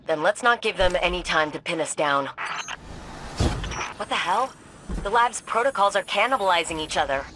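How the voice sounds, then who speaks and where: An actress voicing a blunt, wry female engineer in a game cutscene, talking in a brisk, sarcastic way. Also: fairly low pitch, lively intonation, noisy background, natural voice. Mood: focused. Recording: game dialogue over loud music. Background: music.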